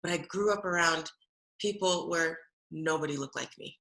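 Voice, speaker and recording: Woman interview host, bright and forceful tone, affirming listener, roomy echo. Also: low voice, normal speed. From Hawaii and Colorado. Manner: warm affirming listener, frequent "yeah" and "mm-hmm". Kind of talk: conversational interview.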